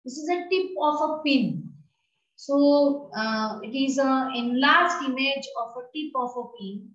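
A middle-aged woman with an Indian accent teaches in a high voice, mixing in Hindi as she questions her students. The sound is echoey and dull, like a video call in a bare room. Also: a little slow, fairly bright tone. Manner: questioning, prompting, switches between English and Hindi. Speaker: biology teacher. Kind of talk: online class lesson with questions to students. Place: indoor room with bookshelves.

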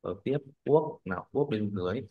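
A man's voice: fairly low pitch, animated, a little fast, phone-quality sound. A male language teacher, leading a classroom pronunciation drill. He models words, corrects students, and keeps checking that they follow.

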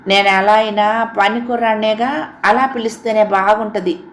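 A shy, gentle young servant lad from an audio storybook, speaking softly and hesitantly and taking his time, as a woman reading the story voices him. His voice sits at a middling pitch and barely shifts from the reader's own. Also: fairly even intonation, normal speed, natural voice. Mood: timid. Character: timid young male house servant, gentle.

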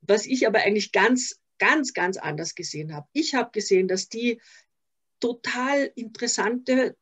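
A woman's voice: a little high, animated, moderate pace, a bit bright, husky. Older Austrian woman, hesitant and reflective. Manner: reflective, hesitant with many fillers and restarts. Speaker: interview guest, social worker. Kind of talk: conversational interview. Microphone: video call. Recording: slightly dull video call audio.

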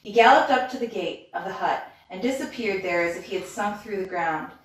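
A woman reads a fairy tale aloud in a steady, measured way, now and then stumbling on a word. Her voice sits at a middle pitch. The recording comes from a very echoey room, with the mic set well away from her. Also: recorded from a distance. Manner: steady, measured reading with small slips. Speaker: storyteller. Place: reading room.

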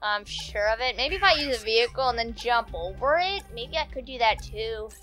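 Soft music plays behind a woman whose voice sits on the high side, fairly bright and animated, at normal speed. Hosting a let's play, she giggles and rambles to herself in casual commentary, slightly congested from allergies.

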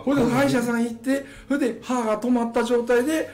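A man with a Kansai accent, hosting and telling a story in casual chat, animated and often laughing at his own tale. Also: very high-pitched, fast. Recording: echoey room.

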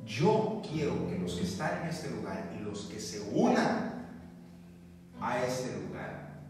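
A male pastor, preaching a sermon and telling stories in an animated way, mixing in English words. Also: mid-range voice. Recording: echoey church hall, distant mic, music behind.

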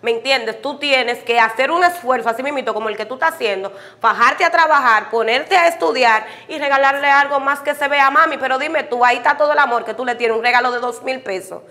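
Woman doing a snotty sister talking fast and sharp. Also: high voice. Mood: mocking. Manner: mocking, condescending. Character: snobbish sister mocking cheap gifts.

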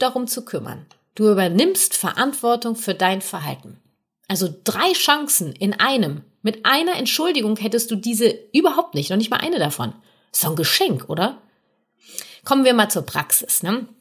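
A woman hosting a podcast, gently explaining nonviolent communication to parents and addressing the listener directly with little tag questions. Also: fairly high pitch, breathy edge. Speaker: podcast host and communication coach. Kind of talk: podcast monologue giving parenting advice.

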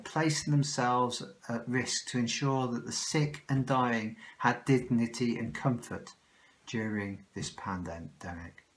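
Older male preacher, Welsh English accent, slow and sincere, self-correcting; home-recorded sermon, close phone mic. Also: medium pitch, fairly bright tone. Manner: slow, earnest, with frequent restarts. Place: small room at home, indoors. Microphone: phone or webcam close in front.

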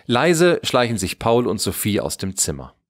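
A man narrating a German children's Christmas story in an expressive storybook manner. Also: on the low side, moderate pace.

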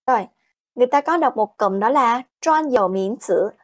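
A woman's voice: a little high, expressive. Woman teaching Chinese. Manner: explains in Vietnamese, models Chinese slowly, keeps asking "Được chưa?". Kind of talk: language lesson.

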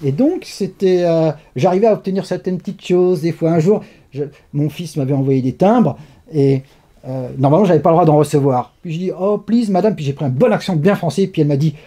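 Man telling stories, dark husky voice. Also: a little high, a little fast. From France. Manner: animated storyteller, lively asides. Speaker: interview guest. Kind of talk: conversational interview.

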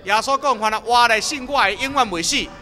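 A man interpreting a sermon live at a stadium rally, quick and echoing the preacher's emphasis, sometimes stumbling over words. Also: very high voice, bright, forceful tone. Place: outdoor stadium.

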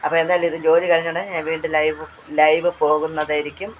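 Hoarse Kerala woman, casual cooking vlogger, phone-held mic, faint sizzle under. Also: low voice, level tone, fast, lo-fi sound, slight background noise. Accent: Kerala Malayalam. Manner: chatty, repeats phrases, tag questions. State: hoarse from talking. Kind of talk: casual chat while cooking. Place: home kitchen. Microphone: handheld phone. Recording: faint frying sounds behind.

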